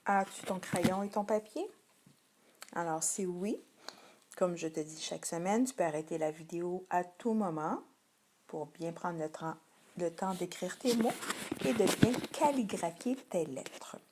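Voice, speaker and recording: Slow, patient woman dictating to children. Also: lowish voice, a little mellow, slight background noise. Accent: Québécois French. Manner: patient, over-articulated, lingers on each word. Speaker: teacher.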